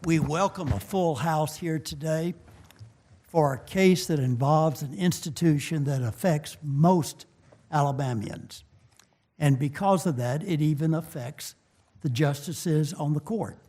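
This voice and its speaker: Slow, gravelly older man presiding. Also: a little high, dark tone. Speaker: chief justice presiding in court. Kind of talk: formal courtroom remarks.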